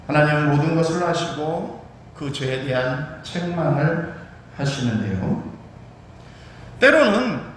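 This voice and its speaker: A pastor preaching a sermon in a church, with emphatic swells and drawn-out stressed words. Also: male voice, a little high, fairly bright tone. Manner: emphatic preaching with sudden rises and slowed stresses. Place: church sanctuary. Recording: very echoey hall with faint noise.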